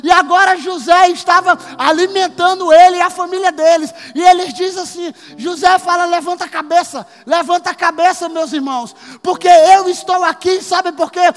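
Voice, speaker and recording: A man preaching a sermon as pastor, emphatic and building to shouts. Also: very high-pitched, steady tone, moderate pace, few pauses. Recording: long hall reverb with faint music.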